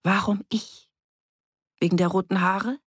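A woman voicing a sharp-tongued young woman accused of being a witch, defiant and cutting, in an audiobook. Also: medium pitch, steady tone, a little slow, husky, no echo, clean studio sound, voice pushed up.

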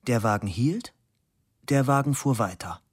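Lively male audiobook narrator. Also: mid-range voice, measured pace, slightly rough. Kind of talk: audiobook reading.

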